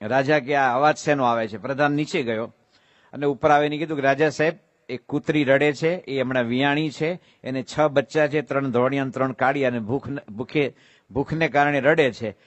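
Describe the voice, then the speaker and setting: A man's voice: medium pitch, fairly even intonation, moderate pace, no room sound, lo-fi sound. A man with a Gujarati accent giving a devotional sermon, telling stories, asking rhetorical questions and breaking into sung verses. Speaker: preacher giving a religious discourse.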